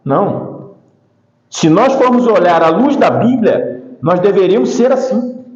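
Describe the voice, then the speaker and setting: A man's voice: sits high, lively intonation, unhurried, darkish tone. A man preaching an informal sermon, chatting with the congregation through frequent asides and restarts, then rising into emphatic preaching. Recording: echoey hall, dull lo-fi sound.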